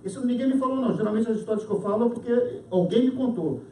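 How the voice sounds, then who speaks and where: Brazilian male pastor, high mellow voice, lively storytelling sermon, echoey hall from afar. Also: fast talker, a little hiss or hum. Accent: Brazilian Portuguese. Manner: animated storytelling, acts out dialogue with laughter. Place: church hall. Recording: echoey church hall, from a distance.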